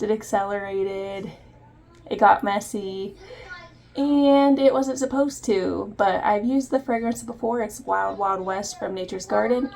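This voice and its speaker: Chatty young woman with a gravelly edge. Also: mid-range voice, darkish tone. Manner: chatty and self-deprecating, narrates each step as she works. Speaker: soap maker and channel host. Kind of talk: casual how-to vlog. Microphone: phone propped on a windowsill.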